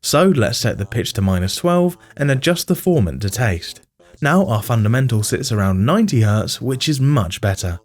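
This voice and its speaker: Speaking at a moderate pace with lively intonation, this medium-pitched man hosts a music production tutorial. His narration is scripted yet informal, explaining things step by step and addressing the viewer directly.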